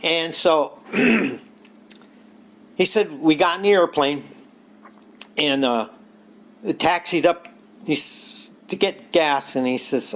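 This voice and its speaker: An older man casually retelling a secondhand anecdote, rambling with many "he says" and "uh" fillers, chuckling now and then. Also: a little high. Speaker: storyteller.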